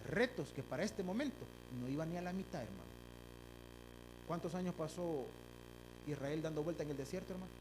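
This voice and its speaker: A male pastor preaching in a church, his fairly high voice dropping to near-whispers and then rising to loud, emphatic peaks. He keeps calling the congregation brother. A steady electrical hum sits under the whole recording. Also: a little fast, long pauses. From El Salvador. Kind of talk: sermon. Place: church sanctuary.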